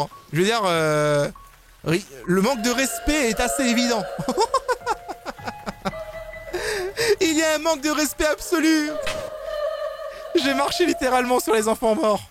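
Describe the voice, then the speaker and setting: A young man commenting on a horror game he is playing, excitable and slangy, yelping and screaming when scared. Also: very high-pitched. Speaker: gaming YouTuber. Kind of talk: let's play commentary. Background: game music.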